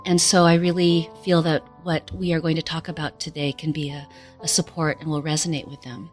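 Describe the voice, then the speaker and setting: A woman hosting a podcast interview, speaking in a measured, earnest way. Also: low-pitched, flat delivery, soft background music. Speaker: podcast host.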